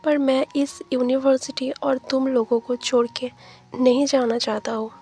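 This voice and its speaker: A woman's voice: high voice, fairly even intonation, normal speed, soft background music. Woman reading as tearful teasing college guy. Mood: upset. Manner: emotional, sharp-tongued retorts. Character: young man, tearful college student, teasing.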